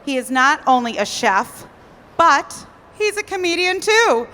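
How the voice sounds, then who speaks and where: A woman's voice: high-pitched, sing-song, a little slow, bright, forceful tone, in a large hall. A woman hosting a live cooking stage at a convention, bubbly and a little flustered. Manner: bubbly, flustered, laughing at herself. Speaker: event emcee. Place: large convention hall stage.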